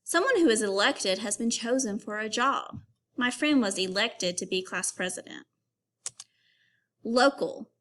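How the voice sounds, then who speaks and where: Reading an informational text to a group of young children, a woman teacher pauses to give directions and pose questions. She sounds a little high and a bit bright, with lively intonation.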